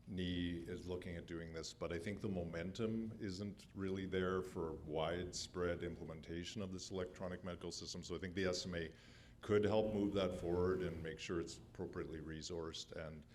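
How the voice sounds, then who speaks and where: A man, a provincial head of surgery, speaking earnestly from the floor of an assembly, halting and restarting. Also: low voice, darkish tone, a little hiss or hum. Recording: roomy hall sound.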